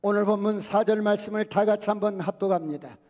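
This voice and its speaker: A man's voice: high voice, fast talker, darkish tone. A male pastor preaching a sermon, asking the congregation questions and answering them himself. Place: church sanctuary. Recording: long church hall reverb.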